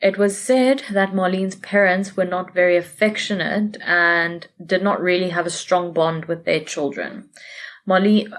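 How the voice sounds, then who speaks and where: A woman with a lowish, steady voice and a measured pace casually walks through a true case as a podcast co-host. Her storytelling is chatty and conversational, and she corrects herself and laughs easily along the way.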